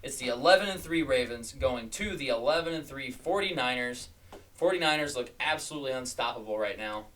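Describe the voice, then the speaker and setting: A man's voice: medium pitch, animated, brisk, a bit bright, distant mic. A man hosting a sports podcast, leading the game picks in an upbeat, casual way. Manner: upbeat, leads the discussion. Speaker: podcast host running the picks.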